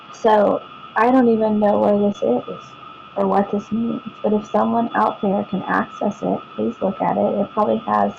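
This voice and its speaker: A woman's voice: mid-range voice, creaky, highs cut off, slight background noise. A woman, vlogging casually to viewers, rambling, repeating herself and restarting sentences.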